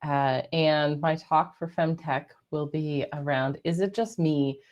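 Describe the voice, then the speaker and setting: A woman's voice: low-pitched, takes it slowly, a little mellow. A woman developer advocate introducing herself matter-of-factly on an online panel. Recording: dull muffled call audio.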